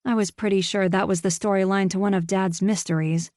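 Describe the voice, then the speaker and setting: A woman reading a cozy mystery audiobook in the first person, with animated, self-mocking storytelling. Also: medium pitch, fairly quick, dry recording, studio quality. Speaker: audiobook narrator.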